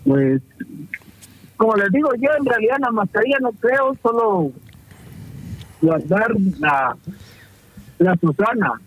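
A man's voice: high voice, big pitch swings, unhurried, pauses often. A man with a Guatemalan Spanish accent calling in to a radio show and telling stories in easygoing slang. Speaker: phone-in caller. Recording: tinny phone line.

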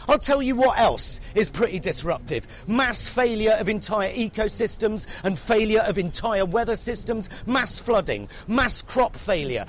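A furious, foul-mouthed English reporter, played by a man tears into his targets in a comedic rant. The voice sits high and strains with sarcasm, breaking into shouts. A faint hum of noise lies under it. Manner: angry, sarcastic, swears heavily, shouts at times. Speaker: satirical reporter character.

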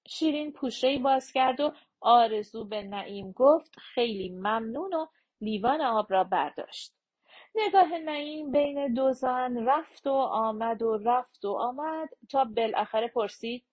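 A woman reads a novel aloud at a measured, steady pace. Her voice sits fairly high with a husky, breathy edge. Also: muffled recording. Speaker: audiobook narrator. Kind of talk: audiobook narration.

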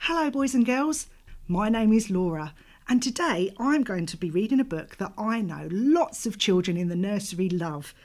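A woman hosting an animated read-aloud for young children in an overbright, singsong way. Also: mid-range voice, moderate pace. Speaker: nursery staff storybook reader.

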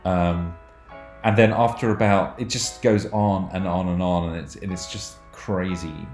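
A man narrates a tabletop horror game as game master, slowly and with a lowish voice. He describes scenes haltingly, with many fillers and restarts. The recording has a roomy, echoey sound. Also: steady tone, darkish tone, faint music behind.

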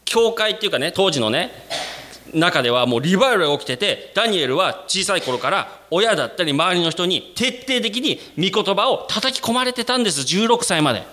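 A man preaching a sermon to his congregation, speaking to them directly. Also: a little fast. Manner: animated, addresses the congregation directly; acts out quoted voices with sudden jumps in pitch. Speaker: pastor.

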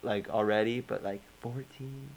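A young man in casual chat, curious and quick with follow-up questions. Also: mid-range voice, steady tone.

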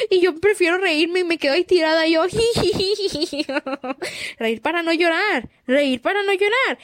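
Young woman, Mexican accent, podcast anecdotes, giggly and slangy, high voice, dry close sound. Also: no echo. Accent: Mexican Spanish. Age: young adult. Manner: chatty, slangy, giggly, acts out quotes. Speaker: podcast host. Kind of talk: casual storytelling monologue.

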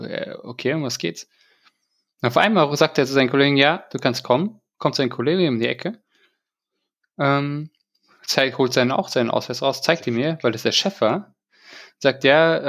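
A man's voice: medium pitch, moderate pace, a bit bright. A man in his thirties hosting a casual podcast, still a bit ill, telling a rambling story in slangy speech full of fillers. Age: 30s. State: recovering from illness. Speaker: podcast host.

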